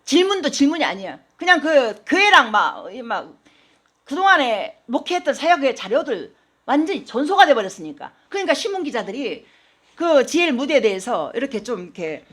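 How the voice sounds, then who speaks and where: A woman pastor preaching a sermon in a church, telling stories with animated, acted-out quotes. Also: sits high, normal speed. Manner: animated storytelling, acting out quoted voices. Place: church sanctuary.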